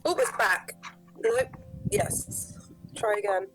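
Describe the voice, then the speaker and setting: A woman's voice: medium pitch, slow, faint music behind, poor audio. A woman playing a tabletop game over an online call, her voice cutting in and out as her internet connection fails. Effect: voice cutting in and out over a failing internet connection. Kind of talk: casual online game chat.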